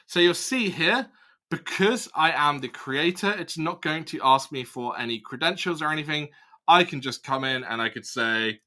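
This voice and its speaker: A young man casually walking through a software demo, explaining each step as he clicks. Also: medium pitch. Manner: casual, explanatory, thinks aloud while clicking. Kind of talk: screen-recorded product walkthrough.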